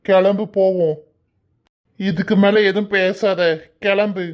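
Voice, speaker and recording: A woman's voice: medium pitch, little pitch movement, unhurried, a little mellow, natural voice. A woman voicing a wronged, reproachful young village woman in a cartoon, with a southern Tamil Nadu accent.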